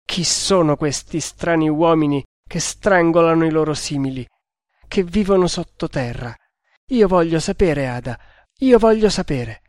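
A man's voice: fairly high pitch, moderate pace, no echo, clean studio sound, close to an everyday voice. A man reading an audiobook, voicing a young snake hunter who speaks with ardent passion. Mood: fierce. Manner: ardent, impassioned.

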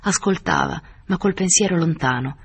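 A man reading literary narration for an audiobook in a measured, steady way. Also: on the high side, a little hiss or hum. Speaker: audiobook reader.

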